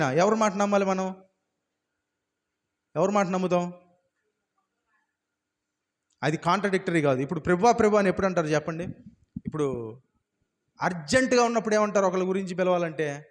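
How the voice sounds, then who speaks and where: A man preaching a sermon as pastor, asking rhetorical questions and shouting repeated cries. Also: sits high. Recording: long hall reverb.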